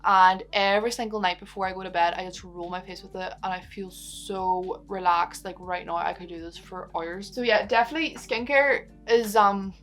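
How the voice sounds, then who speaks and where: A young Irish woman with a Donegal accent, chatting away to her camera in a cosy home vlog. She is bubbly and giggly, rambles happily and drops in the odd swear, in a voice of ordinary pitch for a woman. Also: fairly even intonation, moderate pace, hardly any pauses, a bit bright. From Ireland. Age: young adult. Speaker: YouTuber answering viewer questions.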